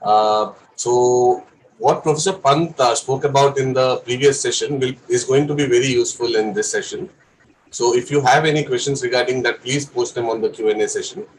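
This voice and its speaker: A young man with an Indian English accent presents a course session, giving a technical lecture as a careful explanation full of fillers. He has a cough, and his mid-range voice moves at a normal speed. The recording is rough, with a little hiss or hum.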